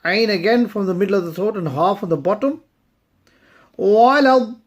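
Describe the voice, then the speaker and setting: A woman teaching recitation, chanting verses slowly and then explaining pronunciation rules in brisk spoken asides. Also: mid-range voice, breathy edge. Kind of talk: slow tajweed lesson.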